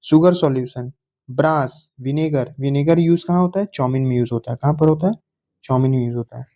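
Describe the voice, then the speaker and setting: A man teaching a science lesson to school students, reading English definitions slowly and then explaining in Hindi in an easygoing, coaxing way. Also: medium pitch, dark tone. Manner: coaxing, informal, addresses students as bhaiya. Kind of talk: classroom lecture to school students.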